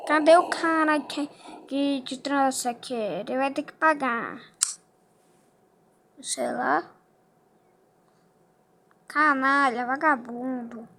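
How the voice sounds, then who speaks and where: A high-voiced female speaker acting out a playful improvised story, doing several characters in turn. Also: slow pace, pauses often, sharp tone, slight background noise.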